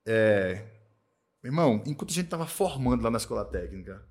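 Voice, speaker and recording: A man talking in a relaxed podcast chat, in a mid-pitched voice. He is emphatic and circles back on his points. He keeps checking in with his listener. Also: fairly quick. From Northeast Brazil. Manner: emphatic, repeats himself, tag questions "tá?" and "né?". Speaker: accounting firm owner, podcast guest. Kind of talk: casual podcast conversation.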